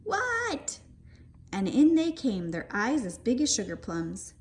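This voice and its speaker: A woman reading a children's picture book aloud in an expressive, sing-song way. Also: mid-range voice, normal speed. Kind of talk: storybook read-aloud.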